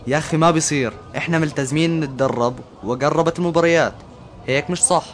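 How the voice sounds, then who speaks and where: A man plays a young male teammate who keeps trying to calm things down. He talks briskly, and some faint outdoor noise can be heard behind him. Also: a little high, close to an everyday voice. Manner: calming, persuasive.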